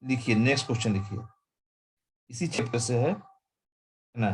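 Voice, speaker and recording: A man's voice: mid-range voice, lively intonation, a little slow, a little mellow, a little hiss or hum, rough recording. A man, teaching and dictating exam questions to his students word by word, repeating phrases and spelling out words.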